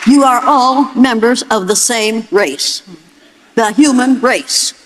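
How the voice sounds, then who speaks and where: A woman's voice: on the high side, slow, fairly bright tone, a faint crowd, slight background noise, poor audio. An older American woman delivers a lecture to an audience in a blunt, emphatic way. She gives orders like a seasoned educator and expects to be followed. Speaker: educator and public speaker.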